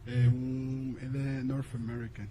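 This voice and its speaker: A man's voice: medium pitch, level tone, unhurried, dark tone, slight background noise, low-quality recording. Chatty young Angolan man with an audience question. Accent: Angolan Portuguese. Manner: casual, chatty, tags with "né" and switches into English. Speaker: exchange student asking a question.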